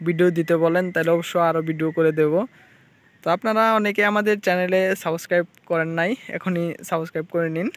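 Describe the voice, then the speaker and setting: A man from Bangladesh talks to viewers while filming outdoors by a river. His voice sits a little high and stays level, with little rise and fall. He speaks plainly into a handheld phone and keeps pointing things out. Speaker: fishing channel vlogger. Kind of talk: casual riverside walkthrough vlog.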